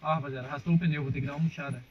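A young Brazilian motovlogger, his voice on the high side with fairly even intonation, races through a casual chat with viewers, whom he calls "rapaziada", as he rides a dirt road. He speaks Brazilian Portuguese, and his helmet-mounted action camera gives a muffled sound full of engine and wind noise.

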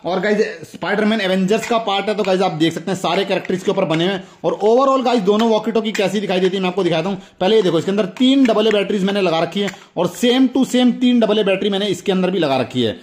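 An Indian man hosts a toy review channel, his voice high-pitched and quick with hardly any pauses over a faint background noise. He eagerly shows off the toys in an excited unboxing and keeps talking straight to his viewers.

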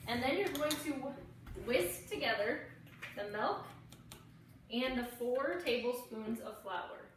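In her indoor home kitchen, a thirties-aged home cook walks through a recipe step by step in a casual way, dishes clattering in the background. Her voice is high and expressive, and her pace slow. Recorded by a camera a few steps off, the sound is roomy and distant with noticeable noise.

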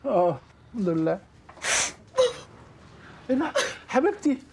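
A fussing, high-voiced Egyptian father-in-law. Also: big pitch swings, moderate pace, vocal fry, background noise, exaggerated voice. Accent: Egyptian Arabic. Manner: fussing, teasing. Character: fussing, joking middle-aged father-in-law.

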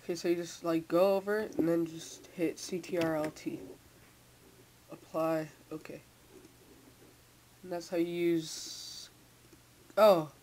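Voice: mid-range voice, little pitch movement, unhurried, pauses often, a little mellow. A teenager giving a casual computer tutorial, stumbling and repeating words, with speech slightly hampered by a mouth sore from tightened braces. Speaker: software tutorial maker. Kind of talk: casual unscripted screen tutorial. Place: indoors at a computer. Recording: hissy, noisy home microphone.

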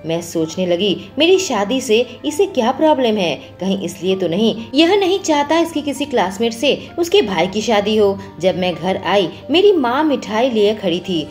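A woman reading a first-person story aloud as the channel's storyteller, with expressive delivery. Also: normal speed, hardly any pauses, faint music behind. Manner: expressive, voices quoted lines with lifted pitch.

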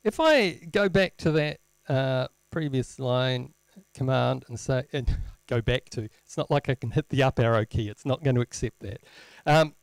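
A man presenting an informal live technical demo, halting as he thinks aloud, with wry, self-deprecating humour. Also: mid-range voice, clean tone, no room sound, low-quality recording. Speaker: presenter at a tech meetup. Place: indoor lecture room, presenting at a screen. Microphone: handheld microphone.

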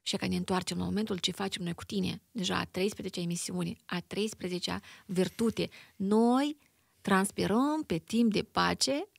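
A woman psychologist, a guest in a conversational interview, explaining in an expressive, animated way and acting out everyday examples. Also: on the low side, creaky, no room sound.

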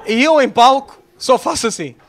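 Speaking at a normal pace in a very high voice, this European Portuguese comedian in his thirties works a small outdoor stage at night. Holding a microphone, he spins animated stories and imitates the people he quotes, while the background stays noisy.

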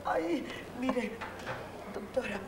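A woman's voice: a little high, extremely slow, reverberant. An actress with a Cuban accent playing an intense, desperate woman who pleads and swears often, in a film drama. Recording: film audio with steady background noise.

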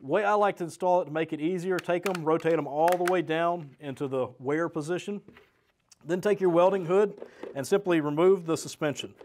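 A middle-aged American man working as a sales rep walks through a step-by-step product demo in a plain-spoken, practical manner. His voice is on the high side and a little mellow, and there is slight background noise in the small indoor studio set with a desk and shelves.

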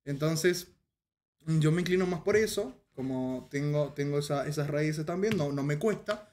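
Paraguayan man, fairly high voice. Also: moderate pace, slight background noise. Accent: Paraguayan Spanish. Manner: relaxed, joking, rioplatense slang. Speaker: host. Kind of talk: casual chat.

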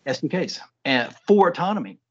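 A man's voice: fairly high pitch, big pitch swings, a little fast, slightly rough. A man giving briefing remarks over a video call, often restarting phrases and tagging points with "right?". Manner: restarts, tag questions "right?". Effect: heard over a video call. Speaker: Air Force program leader. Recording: muffled video-call audio.

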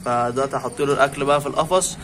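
A man's voice: medium pitch, steady tone, very fast, a bit bright, a little hiss or hum. Chatty Egyptian man coaxing a pet fox. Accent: Egyptian Arabic. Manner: playful, teasing, coaxing. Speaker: vlogger. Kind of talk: casual vlog talking to a pet fox.

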